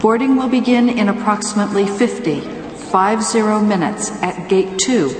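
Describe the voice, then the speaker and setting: A woman playing an airport flight announcer, reading a formal public-address announcement in a measured way and spelling out the numbers. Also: mid-range voice. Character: calm adult female airport flight announcer. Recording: echoey hall with long reverb.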